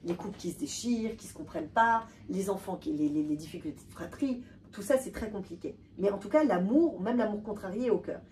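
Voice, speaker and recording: A woman giving an animated talk to an audience, often repeating and restarting words. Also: mid-range voice, fairly quick, few pauses. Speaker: lecturer. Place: hall with a live audience. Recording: distant voice with faint room noise.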